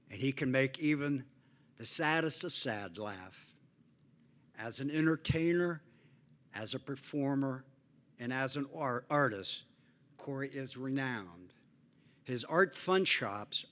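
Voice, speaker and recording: A man's voice: medium pitch, fairly bright tone. Older male inductee, sincere and emphatic at the podium, stumbles now and then. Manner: earnest, emphatic, with some halting restarts. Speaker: hall of fame inductee. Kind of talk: acceptance speech.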